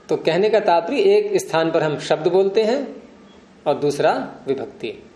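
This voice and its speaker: Male grammar teacher, slightly high voice, patient explainer who quizzes his class; echoey room. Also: expressive, a little slow, mellow. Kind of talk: classroom lecture with questions to students.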